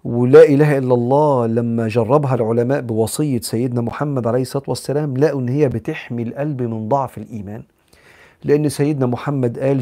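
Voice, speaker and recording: A man with an Egyptian accent and a warm, medium-pitched voice gives a live religious talk. He answers questions conversationally, mixes in English psychology terms, and acts out examples.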